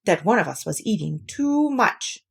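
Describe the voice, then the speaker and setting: A woman's voice: medium pitch, sing-song, unhurried, vocal fry, breathy edge, exaggerated voice. A woman voicing a practical, stern male storybook rabbit with a fussy, matter-of-fact manner.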